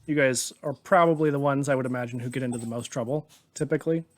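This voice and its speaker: A man running a tabletop game as game master, narrating scenes in a relaxed, descriptive way and chuckling often. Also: medium pitch, fast.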